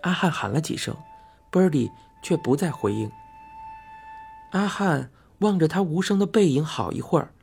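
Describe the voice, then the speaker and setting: A man narrating a novel as an audiobook in a soft, unhurried, intimate way. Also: fairly high pitch, animated, vocal fry, soft background music. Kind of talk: scripted narration.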